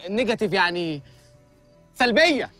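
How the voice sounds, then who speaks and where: An actor in an Egyptian sitcom with an Egyptian Arabic accent, scolding in exasperated banter. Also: male voice, high-pitched, big pitch swings, normal speed, music in the background. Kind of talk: TV sitcom acting.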